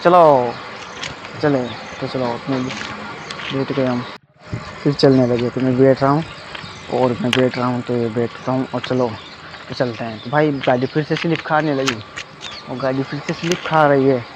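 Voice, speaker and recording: A man's voice: mid-range voice, fairly even intonation, moderate pace, pauses often. A young man, giving a loose, repetitive running commentary outdoors on a muddy dirt road. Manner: loose, repetitive running commentary, often says "ye dekho" and "bhai". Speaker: vlogger. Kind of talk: casual vlog commentary. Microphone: phone camera. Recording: dull lo-fi phone audio with loud outdoor noise.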